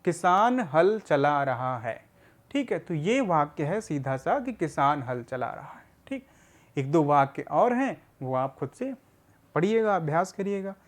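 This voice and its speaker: A man gives a slow, patient reading lesson to adult learners. He sounds out each word syllable by syllable, then puts the syllables together. He asks questions and answers them himself, often checking in with his listeners. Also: a little high, big pitch swings. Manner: often checks in with "theek hai". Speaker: adult literacy teacher.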